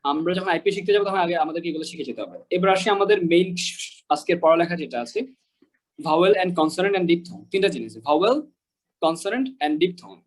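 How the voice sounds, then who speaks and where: A man from Bangladesh gives an online pronunciation lesson in a fairly high voice. He repeats example words with patience and keeps checking that his listeners follow. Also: low-quality recording. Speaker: English pronunciation teacher.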